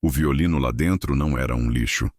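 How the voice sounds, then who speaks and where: A man narrating a scripted dramatic story in a measured way. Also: very deep voice, a little mellow, no room sound, studio quality.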